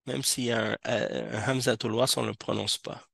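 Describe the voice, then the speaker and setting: A man teaching an Arabic reading class in a mosque, explaining patiently and repeating each word slowly to drill pronunciation. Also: mid-range voice, sing-song, creaky, fairly bright tone, no echo, clean studio sound. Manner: slow, repeats words and verses to drill pronunciation.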